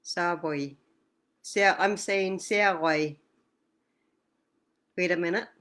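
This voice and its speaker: A woman leads an online language lesson, speaking slowly in a slightly low voice. She repeats words with care and answers questions patiently, as if over a video call. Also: fairly bright tone. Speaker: language teacher.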